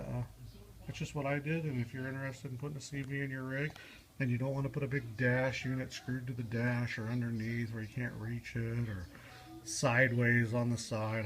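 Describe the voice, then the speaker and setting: This man's delivery is flat and his pitch mid-range as he vlogs a casual car repair how-to, improvising, stumbling, and rambling while he thinks.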